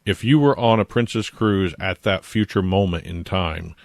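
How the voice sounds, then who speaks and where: A man with a New Jersey accent talks casually as a podcast co-host, his voice sitting very low. He explains things at length, full of "uh" and "you know". The sound is dry and close. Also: moderate pace, vocal fry, no echo. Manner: explains at length, chatty with fillers. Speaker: co-host, trademark attorney.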